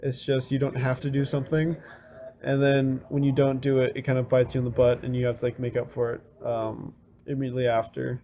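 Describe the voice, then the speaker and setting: A young college student answering an interview casually, rambling with lots of fillers. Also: male voice, mid-range voice, monotone, brisk, mellow, a little hiss or hum. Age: young adult.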